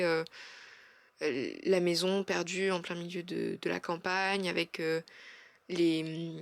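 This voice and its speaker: A woman's voice: on the low side, no echo. Chatty woman artist with frequent fillers. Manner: frankly self-critical about her own work. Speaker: art vlogger. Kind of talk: casual spoken voice-over about her drawings.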